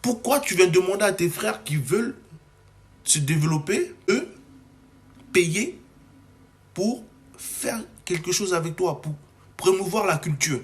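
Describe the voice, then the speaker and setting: Agitated man ranting, fairly high voice. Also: lively intonation, measured pace, pauses often. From Cameroon. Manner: agitated, ranting, many restarts. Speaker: comedy video maker. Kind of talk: heated monologue to camera.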